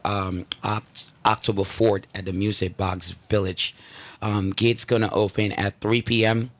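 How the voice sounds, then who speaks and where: A man's voice: lowish voice, a bit bright, dry recording. A man from Guyana, a guest on a radio talk show, talking with enthusiasm and many fillers from inside the studio. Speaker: guest, drumming school founder. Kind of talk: radio interview.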